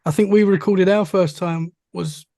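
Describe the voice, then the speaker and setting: A man's voice: high voice, normal speed, mellow, dry recording, studio quality. A man hosting a podcast in a casual, chatty style. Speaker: podcast host. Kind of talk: casual chat.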